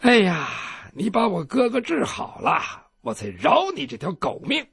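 A man's voice: high voice, huge pitch swings, a little slow, vocal fry, a bit bright, husky, dry recording, clean studio sound, full character voice. A man playing a blunt, hot-tempered heroine. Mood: brusque. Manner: blunt, brusque. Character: quick-tempered young heroine. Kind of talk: traditional Chinese storytelling.

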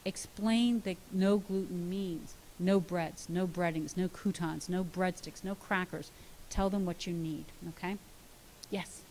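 A middle-aged woman dietitian giving a lively, practical talk to an audience, telling stories and acting out the dialogue with emphasis. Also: lowish voice, measured pace, low-quality recording. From United States. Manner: storytelling, acts out dialogue, emphatic. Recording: faint hiss.

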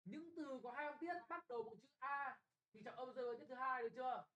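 A young man tutoring a class for an exam, brisk and bossy, often checking whether students follow and scolding them bluntly. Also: very high voice, sharp tone, highs cut off. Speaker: English tutor.

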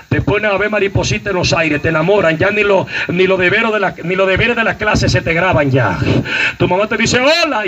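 A man preaching a fiery outdoor sermon, exhorting the crowd and breaking into sudden shouts. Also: high voice, slightly rough, highs cut off. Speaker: evangelist preacher. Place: outdoor night vigil.

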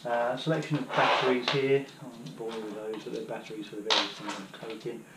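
Kneeling in his living room, a British outdoor gear vlogger in his thirties rattles through a casual, filler-filled demo of his hiking kit at a quick pace. His medium voice has little pitch movement. The audio from a camera a few metres away on the floor is reverberant and swamped by heavy background noise.

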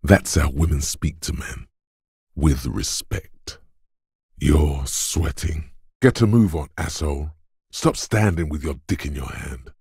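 For a video game, a man performs a full character voice as the inner voice of physical strength: a macho drill-coach type who taunts, commands and speaks bluntly. The bass delivery is slow, gravelly, husky and darkish, captured dry with clean studio sound.

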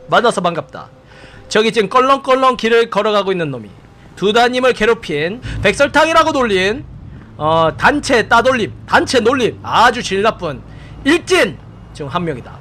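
A man puts on a swaggering vigilante tough guy for a game role-play dub. He is pompous and declamatory, with a high voice that leaps around. The tone is bright. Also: slight background noise.

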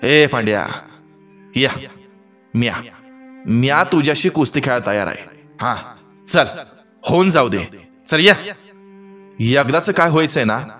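A man voicing a brave young village wrestler who shouts an angry challenge. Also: medium pitch, lively intonation, measured pace, pauses often, soft background music.

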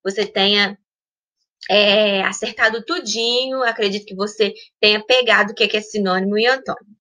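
A woman teacher with a Brazilian Portuguese accent, going through a recorded school lesson, drawing out each word slowly and often checking in with the students. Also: medium pitch, steady tone, pushed and bright. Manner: slow, drawn-out spelling of words with frequent check-ins.

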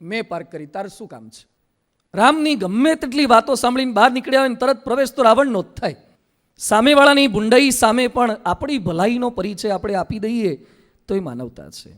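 A monk preaches a sermon in a notably high voice. He tells stories briskly and slips into mimicking ordinary people to make his points. He drops into a slower, chant-like delivery for scripture verses. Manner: lively storytelling with mimicry of everyday people.

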